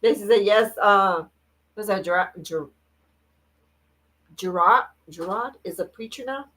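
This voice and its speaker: A woman co-hosting a casual chat, animated and teasing, who laughs often. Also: mid-range voice, normal speed, poor audio. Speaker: co-host.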